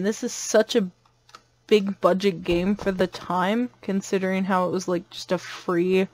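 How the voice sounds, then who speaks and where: A woman's voice: medium pitch, no echo. A young woman hosting a let's-play, giving playful, chatty commentary and jumping easily. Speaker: gaming channel host.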